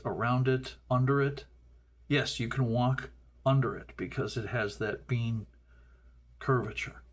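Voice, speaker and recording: A middle-aged man from Chicago hosting a casual building video, rambling and stumbling over words with folksy asides. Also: mid-range voice. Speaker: host.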